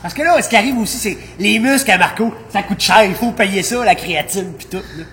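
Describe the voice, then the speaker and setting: A man's voice: high voice, expressive, fairly quick, sharp tone, in a large hall, a little hiss or hum. A man with a Québécois French accent reading a sponsor spot and joking in a hammy way.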